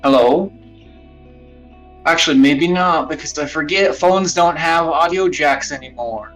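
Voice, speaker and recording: A man on a live stream chats casually, his high-leaning, fairly bright voice a little slow, as he rambles, swears, mocks himself and often mutters under his breath. He's far from the mic, a phone used as a wireless webcam mic that makes him sound boxy, like speakerphone inside a box. Faint background music can be heard.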